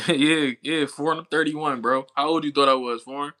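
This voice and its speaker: A man in his thirties commentates boxing on a livestream, chatting casually with viewers in the live chat, laughing often and using laid-back slang. His voice is a little high and pushed, bright, with fairly even intonation at normal speed.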